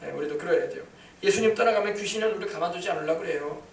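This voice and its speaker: A man preaching a sermon as pastor of a church, emphatic, breaking into shouted commands. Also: high-pitched, racing, gravelly, echoey room, recorded from a distance.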